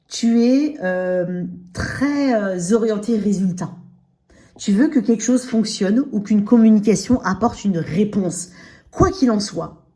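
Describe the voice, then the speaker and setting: Woman, mellow tone, medium pitch, speaking with braces, casual tarot reader, direct address, frequent check-in tags. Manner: speaks with dental braces in, slightly slurred articulation. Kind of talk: casual intimate tarot reading.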